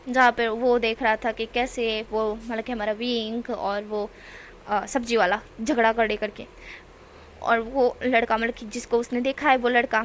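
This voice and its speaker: A woman's voice: on the high side, a bit bright, slight background noise. A woman retelling a story in a chatty, casual way, repeating herself and using fillers. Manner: chatty, repetitive narration with fillers.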